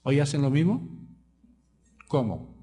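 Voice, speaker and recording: A Colombian man with a Colombian Spanish accent preaches a sermon from the pulpit. His voice sits in a middle pitch. He tells stories and keeps asking the congregation questions. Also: takes it slowly, husky. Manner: lively storytelling preacher, asks the congregation questions. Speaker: pastor.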